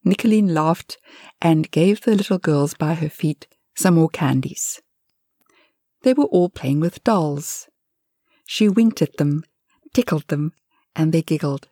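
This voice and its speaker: A woman narrating a children's story in a gentle, unhurried way, sometimes dropping to a whisper. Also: sits low, expressive, dry recording, clean studio sound.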